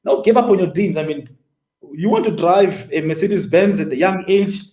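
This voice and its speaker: A man's voice: sits high, moderate pace, warm tone. Emphatic young man, echoey. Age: 20s. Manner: emphatic, asks listeners rhetorical questions. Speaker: guest entrepreneur. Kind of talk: motivational interview storytelling.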